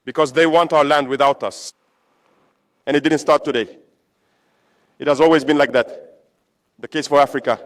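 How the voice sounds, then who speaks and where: Man, fairly high voice, rallying political speech, military leader addressing troops, exhortatory repetition. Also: steady tone, moderate pace, pauses often. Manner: exhortatory, with repetition and rhetorical questions.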